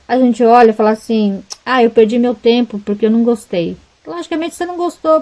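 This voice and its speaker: A chatty woman talking straight to her viewers about crochet, her voice mellow and rounded rather than bright. She rambles along, checking in with little tag questions at the end of her sentences. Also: on the high side, poor audio. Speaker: crochet vlogger. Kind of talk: casual chat to viewers.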